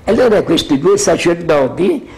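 Older man, gravelly voice, rambling spoken memories, animated storyteller. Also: fairly high pitch, moderate pace. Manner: freewheeling, keeps asking "capito?"; animated storyteller, chuckles often. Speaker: witness sharing memories.

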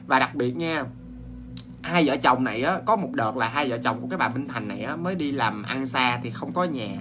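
A man with a Southern Vietnamese accent telling a ghost story in a chatty, animated way, full of exclamations and restarts. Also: mid-range voice, fairly quick, music in the background.

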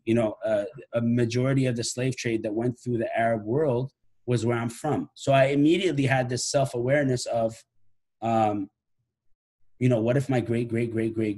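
A man's voice: medium pitch, fairly even intonation, moderate pace, darkish tone, breathy edge. A man in his late thirties from Iraq, a musician and professor, talking thoughtfully to camera on a video call from his living room, often restarting phrases. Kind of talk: reflective talk to camera. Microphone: laptop webcam video call.

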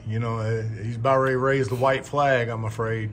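A man's voice: medium pitch, flat delivery, brisk. A man hosting a casual food review vlog at a restaurant table, folksy and chatty, laughing between bites. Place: restaurant dining room. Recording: faint background noise in a restaurant.

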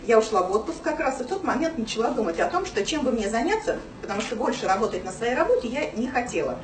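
Her voice on the high side and swinging widely in pitch, a thirtysomething woman talks fast as she shares a personal story at a business meeting. She is chatty and uses lots of fillers. The sound is roomy and distant, captured by a far-off camera with no microphone in a small office.

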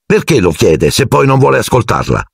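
Guy doing a blunt loud teen boy, higher voice. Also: sing-song, a little fast, vocal fry, slightly rough, dry recording, clean studio sound, heavily acted. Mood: indignant. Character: outspoken teenage schoolboy, indignant.

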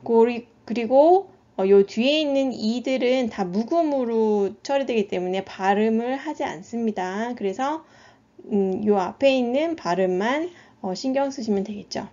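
A woman with a Korean accent, teaching phonics at an unhurried, deliberate pace. She says each example sound twice with patient care. The recording is a little dull and lo-fi. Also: fairly high pitch, expressive, dark tone. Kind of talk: phonics lesson explanation.

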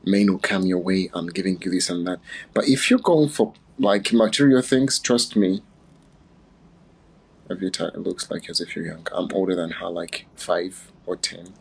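A man's voice: sits low, moderate pace, gravelly, husky, rough recording. A man from Uganda hosting a casual, playful livestream chat on his phone, chatting and laughing often. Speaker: livestream host.

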